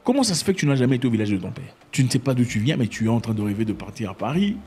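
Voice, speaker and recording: A man giving his opinion to camera in a casual, emphatic way, with sudden jumps in pitch. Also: very fast. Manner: animated and emphatic, with sudden high pitch jumps and mock voices. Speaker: commentator.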